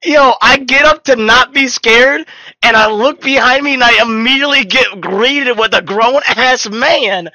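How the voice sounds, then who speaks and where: A man's voice: extremely high pitch, unhurried, pushed and bright, no echo, low-quality recording. A young man giving casual, joking game commentary in a slangy, profane, playful manner, close on the mic. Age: young adult. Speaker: game streamer. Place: small indoor streaming room.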